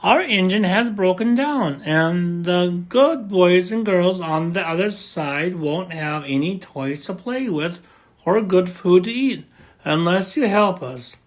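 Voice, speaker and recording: A man's voice: high voice, animated, slow pace. A man voicing a group of dolls and toys from a storybook, pleading together.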